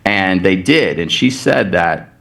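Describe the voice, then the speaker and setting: Low-voiced man telling a story. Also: slow pace, vocal fry. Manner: animated retelling with many quoted exchanges. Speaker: podcast guest, author. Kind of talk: anecdotal storytelling in casual chat. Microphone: video call.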